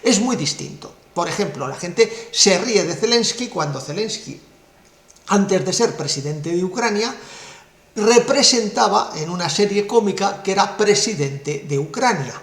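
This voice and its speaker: Scornful commentator, echoey. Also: male voice, high voice, lively intonation, a little slow. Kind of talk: political commentary monologue. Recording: roomy echo.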